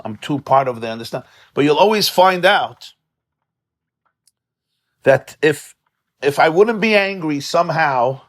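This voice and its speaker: With a mid-range voice, a rabbi leads a class in a study hall, lecturing on religion informally and with passion. He talks conversationally, repeats words to stress them and mixes in Yiddish and Hebrew terms.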